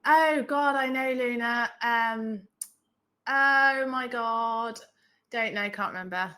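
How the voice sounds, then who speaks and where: A woman co-hosting a casual podcast, reacting in an animated, exclamatory way. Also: fairly high pitch, slow pace. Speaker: podcast co-host.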